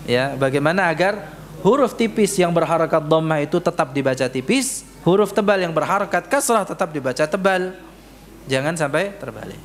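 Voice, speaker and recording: A man teaching Quran recitation, drilling syllables slowly and correcting his students. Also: on the high side, animated. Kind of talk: tajwid lesson in a mosque. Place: mosque prayer room.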